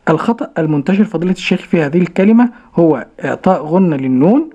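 A man's voice: a little high, expressive, rapid-fire, dark tone, highs cut off. A man presenting a recitation lesson, asking the teacher questions and repeating his examples back. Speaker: program presenter. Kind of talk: radio lesson moderation.

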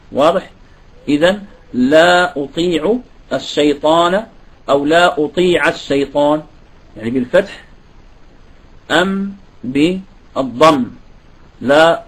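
A man's voice: on the high side, husky, low-quality recording. A man giving a classroom grammar lesson, often asking students rhetorical questions. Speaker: Arabic grammar teacher.

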